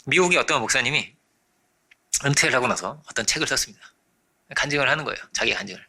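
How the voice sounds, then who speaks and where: A man preaching a sermon as pastor, animated, often checking in with his listeners and acting out the voices in his story. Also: mid-range voice, fast talker. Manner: animated, acts out quoted voices; frequent rhetorical checks to congregation.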